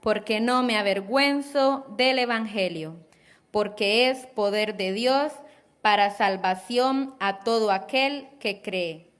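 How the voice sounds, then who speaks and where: A woman reading a Bible verse aloud for a congregation in a steady, careful way. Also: mid-range voice, takes it slowly.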